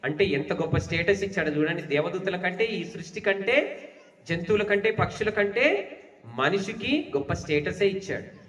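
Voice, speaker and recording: A man's voice: high voice, lively intonation, moderate pace, fairly bright tone. A man preaching a sermon as pastor, asking the congregation questions and urging them to clap. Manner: rhetorical questions, urging claps. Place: church hall. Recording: echoey hall, distant mic.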